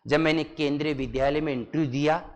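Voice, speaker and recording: A male teacher from Rajasthan leading a live coaching class. He drills his students with repeated questions and spells out sounds slowly, one syllable at a time. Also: fairly high pitch, fairly even intonation. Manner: exaggerated slow syllable-by-syllable pronunciation. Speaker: Hindi teacher.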